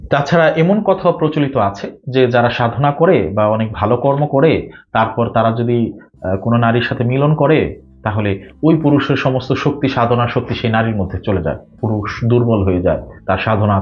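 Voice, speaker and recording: A man's voice: medium pitch, moderate pace. A man with a Bangladeshi Bengali accent giving a spiritual talk, arguing with many rhetorical questions. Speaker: spiritual speaker. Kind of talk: spoken religious talk. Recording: dull lo-fi audio with faint guitar music.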